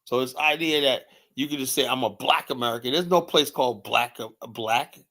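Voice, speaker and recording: A man giving heated political commentary as a streamer host, blunt and repetitive, filling pauses with "you know" and mocking others by quoting them in put-on voices. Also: mid-range voice, bright, forceful tone.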